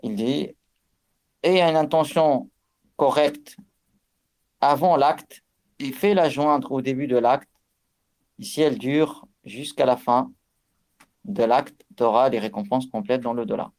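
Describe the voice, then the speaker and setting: A man's voice: medium pitch, takes it slowly, pauses often, darkish tone. A man giving a religious lesson on recitation rules, explaining with fillers and restarts and chanting Arabic examples. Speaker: religious teacher. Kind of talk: tajwid lesson.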